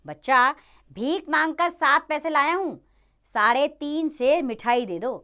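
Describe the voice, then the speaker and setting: A woman's voice: high voice, unhurried, bright, forceful tone, pitched above the performer's own voice. A woman voicing a greedy, cheerful young male disciple who exclaims with delight in a children's play reading.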